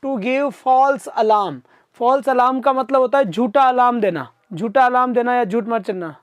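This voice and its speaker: A man teaching an exam-prep vocabulary class live online, coaxing his students to answer quickly and replying to their comments. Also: very high voice, clean tone, no room sound, highs cut off. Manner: reads out viewer comments and answers them.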